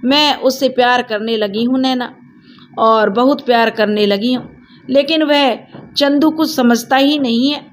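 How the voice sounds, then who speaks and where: A woman's voice: high-pitched, measured pace, a little hiss or hum. A woman voicing a spirited young village woman, talking earnestly and confidingly.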